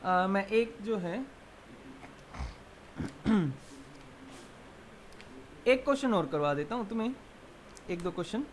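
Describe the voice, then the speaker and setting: A male math lecturer teaching a class, moving between Hindi and English. His pitch swings widely as he asks quick questions and answers them himself. A faint hiss sits under the voice. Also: lively intonation. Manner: keeps quizzing students with quick check questions; explains step by step, then answers his own questions.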